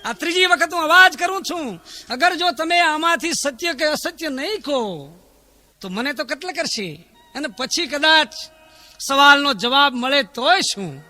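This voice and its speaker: A male storyteller voicing a frightened royal court herald who shouts and begs for mercy for his wife and children. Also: very high voice, lively intonation, unhurried, exaggerated voice. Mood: desperate pleading. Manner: shouted, pleading.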